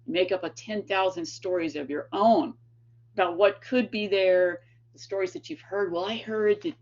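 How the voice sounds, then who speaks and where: At medium pitch and normal speed, a slightly mellow East Tennessee woman, a guest lecturer and author, rambles through chatty anecdotes in a storytelling lecture. Fillers and laughs crop up often, and her accent comes through in the dull lo-fi recording.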